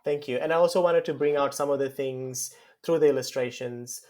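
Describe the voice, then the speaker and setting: A man with a Fiji Indian accent talks in a conversational interview style as a guest author. His voice sits at a medium pitch as he tells personal stories. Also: steady tone, a little fast, a little mellow.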